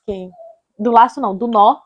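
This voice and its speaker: A woman's voice: fairly high pitch, normal speed, no echo, lo-fi sound. A Brazilian woman chatting casually as a book vlogger, informal and rambling, often correcting herself. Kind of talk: casual chatty reading vlog.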